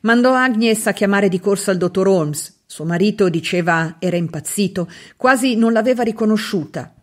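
A woman narrating a literary novel as an audiobook reader, in a measured, expressive reading with dramatic pauses. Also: mid-range voice.

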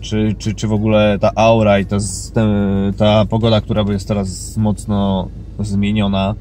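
A man from Poland records a casual fishing vlog on a head-mounted action camera, out by a river on an overcast day, chatting, joking and often restarting. His voice is lowish and dark with a completely flat delivery at a measured pace, over soft background music.

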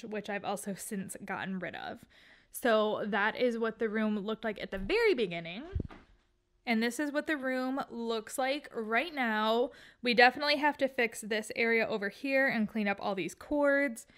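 A woman in her thirties with a slightly high voice, chatting informally to camera. She walks through home decor steps one by one, in a casual vlogger style. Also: fairly bright tone. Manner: chatty, informal, explains step by step. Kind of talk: casual explanatory vlog talk to camera. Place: furnished living room at home, indoors.

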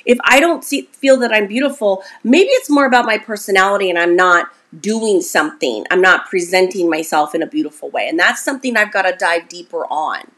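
A woman's voice: medium pitch, fairly bright tone. A woman in her forties giving a casual motivational talk to camera as a self-esteem coach, chatty and encouraging, often checking in with her listener. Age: 40s.

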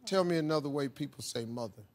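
A man's voice: fairly high pitch, fast. A man hosting a game show, teasing a contestant with laughing, joking banter. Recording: clip with loud crowd and noise.

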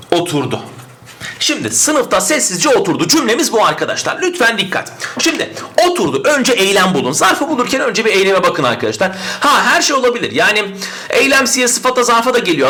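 A male grammar teacher giving a lively, emphatic exam-prep lesson, sometimes asking his students' questions aloud and answering them. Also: sits high.

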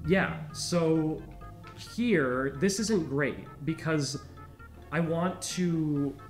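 A man giving casual commentary while he plays a video game, muttering to himself and then urging the pieces on in excited bursts. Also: a little high, very slow. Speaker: player. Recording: roomy echo, faint game music.

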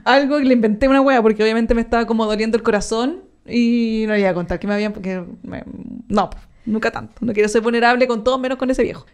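A young woman with a Chilean accent tells stories on a podcast, blunt and animated, full of slang. Her voice sits a little high. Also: clean tone. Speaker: podcast co-host. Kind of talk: casual chat.

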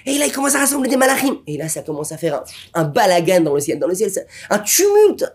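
A man teaching a Torah lesson as a rabbi, an animated storyteller who drops to whispers and rises to exclamations. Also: high-pitched, fast talker, husky.

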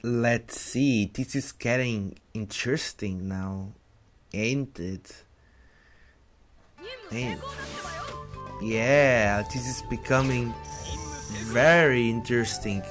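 A man's voice: mid-range voice, drawn-out words, pauses often, a bit bright. Young man, let's-play commentary, rambling restarts, headset mic, faint game music. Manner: rambling, many restarts and repetitions, exclaims at the game. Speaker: gameplay commentator. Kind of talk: casual let's-play commentary, reading on-screen text aloud. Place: indoors at his computer.

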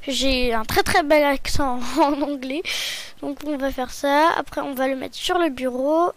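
A woman hosting a software tutorial, talking hesitantly and often correcting herself with apologies. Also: high voice, no echo. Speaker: tutorial host. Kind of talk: screen-recorded software tutorial.

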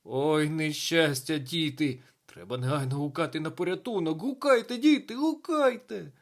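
A man's voice: fairly high pitch, moderate pace, voice pushed up, close to an everyday voice. A man voicing a flustered middle-aged male schoolteacher who wails in panic. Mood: panicked. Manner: panicky, wailing.

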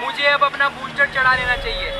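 A young adult comedy vlogger walks through an outdoor street market, narrating a mock-serious spoof of a survival show. His voice is very high, steady in tone and brisk, heard over loud music and a noisy crowd.

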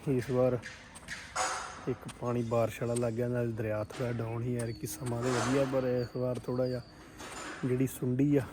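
A man's voice: medium pitch, level tone, brisk. A man with a Punjabi accent chatting casually as a farmer vlogger, with banter while working outdoors. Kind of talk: casual vlog chat and work banter. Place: outdoors on a farm. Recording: faint outdoor field noise.

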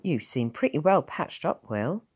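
A calm, gentle country doctor giving careful, measured words, as read by a woman. Close to the reader's own voice, with lively rises and falls. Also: sits low, husky, pitched above the performer's own voice, exaggerated voice.

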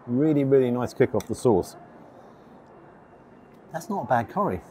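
A middle-aged man speaks in a casual, matter-of-fact vlogging style. His voice sits at an ordinary male pitch. He is recorded from across a table in a big, busy station concourse, with clear ambient noise around him. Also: lively intonation, normal speed, mellow. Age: 50s. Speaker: food reviewer vlogger. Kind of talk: casual vlog talk to camera. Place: large open train station concourse restaurant. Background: station ambience, background announcements.

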